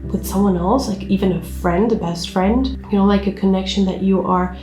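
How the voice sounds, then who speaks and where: A woman's voice: medium pitch, fairly even intonation, moderate pace, a little mellow, a little hiss or hum. A woman speaking as a fortune-telling tarot reader, casual and conversational, addressing the listener directly in a reassuring way. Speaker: tarot reader, channel host. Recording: roomy echo with music behind.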